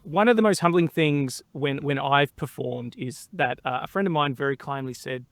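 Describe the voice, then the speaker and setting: Host, male, eager and chatty, fairly high voice, dry close sound. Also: moderate pace, a bit bright, dry recording. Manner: enthusiastic, laughing, stumbling fillers. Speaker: podcast host. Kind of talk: casual interview chat.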